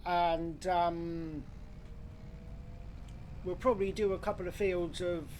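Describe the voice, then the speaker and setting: A man's voice: sits high, fairly even intonation, slow, a little mellow, slight background noise. A man with a blokey, matey way of talking, giving casual livestream commentary on a game. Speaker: live streamer.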